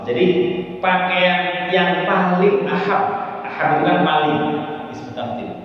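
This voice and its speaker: A man's voice: sits high, little pitch movement, unhurried. A man giving an Islamic kitab lesson, explaining terms, repeating words and asking his listeners questions. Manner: repeats words, mimics Arabic pronunciations, asks the audience questions. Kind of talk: religious lesson, explaining word by word. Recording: dull, echoey hall recording from far off.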